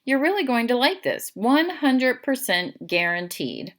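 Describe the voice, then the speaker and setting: A woman's voice: fairly high pitch, very animated, a little slow, fairly bright tone, pitched above the performer's own voice. A woman voicing a chatty, self-assured teenage girl who talks in a showy, formal way, in a children's audiobook.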